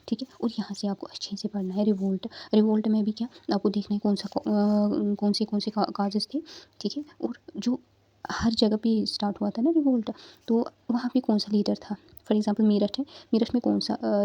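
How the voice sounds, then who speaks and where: A woman's voice: medium pitch, mellow, lo-fi sound. A young woman tutoring exam candidates in a casual study-guidance talk, explaining step by step with frequent fillers and check-ins.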